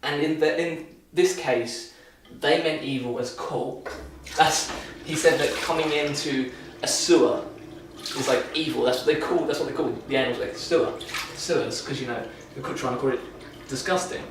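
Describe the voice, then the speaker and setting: This young man's voice is medium-pitched and moderately paced, with noise in the background. He's vlogging casually as he shaves, loosely reviewing a film with plenty of restarts and dry sarcasm, recorded from afar in an echoey room.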